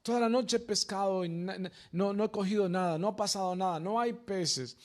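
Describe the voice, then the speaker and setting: A man's voice: sits high, a little fast, natural voice. A preacher voicing a tired, doubting fisherman. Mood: weary. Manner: quiet, tired protest. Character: weary, doubtful fisherman, adult man.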